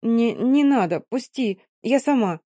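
A reader voicing a frightened, frozen young woman who speaks softly and falteringly. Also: medium pitch, animated, unhurried, dry recording, clean studio sound. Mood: pleading. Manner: faltering, soft, teeth chattering.

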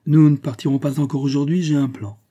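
A man's voice: on the low side, fairly quick, mellow, slightly rough, highs cut off. A man reading aloud voices a proud, resolute young king who speaks in a firm, commanding way.

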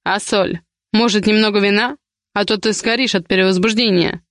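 A woman reading as a domineering, possessive young man in a romance audiobook, giving low, menacing commands. The reader keeps close to her own mid-pitched voice for him. The sound is dry and close-miked. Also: fairly even intonation, normal speed, no echo, close to an everyday voice. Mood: commanding.

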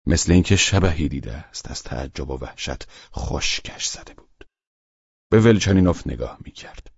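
A man narrating a novel as an audiobook in a measured, even reading. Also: very deep voice, husky, no room sound, muffled recording. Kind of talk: scripted narration.

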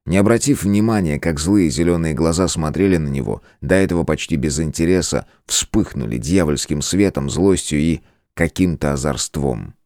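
A male audiobook narrator with an extremely deep, low voice who tells the story in a measured, dramatic way. The sound is dry and close to the mic, with no room around it. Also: lively intonation, a little mellow, no echo.

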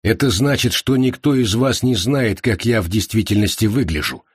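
A man voicing a calm, broad-shouldered man who speaks unhurried and slightly haughty. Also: on the low side, breathy edge, dry recording, studio quality. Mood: cool.

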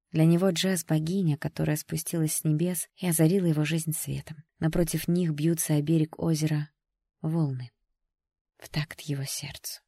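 Woman reading an audiobook, deep voice, measured and even, dry close recording. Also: vocal fry, breathy edge, no room sound. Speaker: audiobook reader. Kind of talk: scripted audiobook narration.

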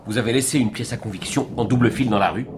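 A man's voice: mid-range voice, fast talker, a little hiss or hum, lightly acted. An actor playing a curt, commanding male police inspector.

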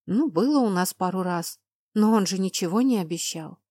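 A woman's voice: mid-range voice, animated, normal speed, mellow, dry recording, studio quality, close to an everyday voice. A woman reading a storybook voicing a young werewolf woman who is pregnant, stubborn and tearful, with pleading and sulky outbursts. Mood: upset.

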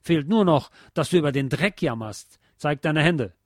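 A man's voice: on the high side, a little fast, no room sound, clean studio sound, voice pushed up, natural voice. A man voicing an angry soldier who harshly berates a weaker comrade in a read-aloud story. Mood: furious. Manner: shouting, harsh.

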